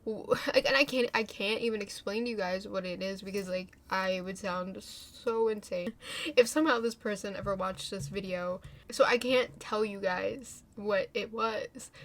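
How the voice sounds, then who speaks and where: A young woman in her twenties with a stuffy nose from a cold, ranting frankly to her camera in a casual vlog, rambling and mocking herself. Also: medium pitch. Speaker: vlogger.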